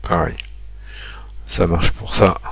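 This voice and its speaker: Very deep-voiced man thinking aloud. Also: flat delivery, creaky, husky, dry recording. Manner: thinking aloud, halting with many fillers, talking to viewers. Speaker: spreadsheet tutor. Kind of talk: screen-recorded software tutorial.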